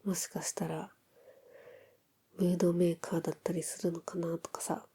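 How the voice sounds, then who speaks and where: A woman playing an affectionate newlywed wife in a whispered role-play of intimate pillow talk, soft, breathy and musing. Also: on the low side, little pitch movement, normal speed. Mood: affectionate, curious. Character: affectionate newlywed wife chatting softly in bed.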